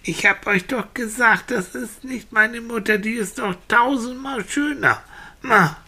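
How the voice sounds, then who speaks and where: Lady doing a squeaky little boy in a storybook tale, high and pleading, stretches words slow. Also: pushed and bright, husky, exaggerated voice. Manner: insistent, pleading. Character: small boy searching for his mother.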